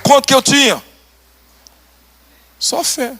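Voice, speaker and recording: High bright-voiced Brazilian pastor preaching. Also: male voice, slow, faint music behind, a faint crowd. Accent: Brazilian Portuguese. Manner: animated, acts out dialogue, laughs. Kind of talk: sermon, testimony storytelling.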